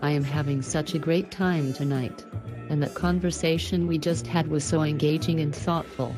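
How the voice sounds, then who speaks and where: Comedy bit: actor as a robot woman faking human, mechanical and literal, mid pitch, music bed under. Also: normal speed, close to an everyday voice. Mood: stiff, mechanical. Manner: flat, literal, robot-like phrasing that mimics human feeling. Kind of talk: comedy sketch acting. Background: clear music.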